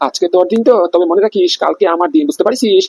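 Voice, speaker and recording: A man voicing a gravelly cartoon crime boss. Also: sits high, rapid-fire, darkish tone, no echo. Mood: menacing. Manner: threatening, boastful. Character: menacing male crime boss, older brother.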